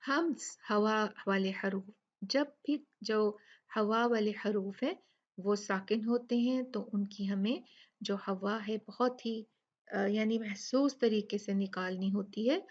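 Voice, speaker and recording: Patient woman teaching recitation slowly. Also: mid-range voice, dull audio. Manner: patient, explanatory, repeats and drills words slowly. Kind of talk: step-by-step tajweed lesson.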